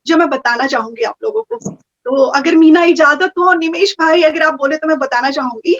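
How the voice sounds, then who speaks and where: A woman telling a personal story in a casual, animated way, slipping English phrases into her talk. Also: sits high, normal speed. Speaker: guest sharing experiences. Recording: muffled, dull audio.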